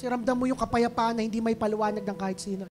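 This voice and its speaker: A woman's voice: a little high, fairly even intonation, racing. A woman pastor with a Filipino accent preaching a sermon, pleading and emotional, building to fervent intensity. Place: church stage. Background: soft band music.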